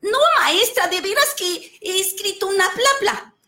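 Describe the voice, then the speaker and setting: A small, nearsighted schoolboy voiced by a woman in a told children's story. His voice is high and swooping, eager and insistent, and he sounds easily startled. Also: normal speed. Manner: high excited childlike pleading.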